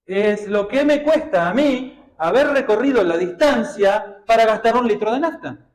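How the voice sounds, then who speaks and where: A man with an Argentine Spanish accent gives a classroom math lecture in a high, lively voice that rises and falls a lot. He keeps questioning his students and checking they follow. The sound is echoey, as in a classroom. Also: normal speed. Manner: questioning, checks understanding often, colloquial. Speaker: math teacher.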